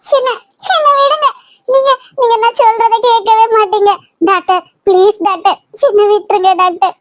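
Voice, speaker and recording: A woman's voice: extremely high pitch, fairly even intonation, normal speed, dry recording. A woman voicing a desperate young pregnant wife in a cartoon drama, pleading and stammering in Kanyakumari Tamil. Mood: tearful pleading. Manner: tearful, stammering pleas.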